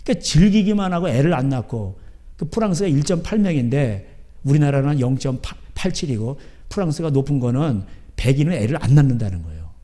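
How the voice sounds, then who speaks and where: A man's voice: mid-range voice, expressive, a little fast, mellow. A man preaching a sermon as pastor, in a rambling, chatty way, often asking his listeners "right?". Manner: keeps asking the crowd back "예?".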